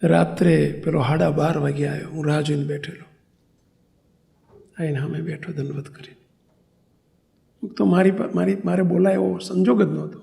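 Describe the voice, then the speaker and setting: A monk delivers a sermon as a story, close and intimate. His voice sits high for a man and carries a gravelly rasp. He slips into the people of his stories as he talks. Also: fairly even intonation, normal speed, long pauses, mellow. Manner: narrates intimately, acting out dialogue in higher voices.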